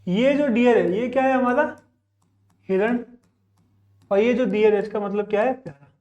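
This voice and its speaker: A man's voice: very high voice, normal speed, darkish tone, lo-fi sound. Man drilling vocabulary in a classroom lesson. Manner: asks and answers his own questions in a repetitive drill; explains patiently, with frequent check-ins. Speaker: English teacher.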